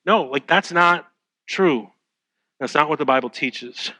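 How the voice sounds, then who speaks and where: A man's voice: a little high, a little slow, sharp tone, dry recording, poor audio. A young adult male pastor giving a casual, conversational sermon, full of fillers and self-deprecating jokes.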